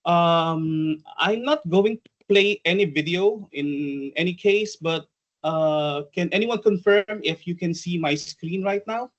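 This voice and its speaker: A man from the Philippines, probably in his forties, presents an online conference workshop as a trainer, speaking in a chatty, hesitant way full of ums and uhs with a Filipino accent. His voice is high and his pace slow, and the recording sounds muffled.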